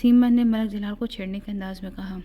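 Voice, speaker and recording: A woman narrating an audiobook novel with steady, even storytelling. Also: medium pitch.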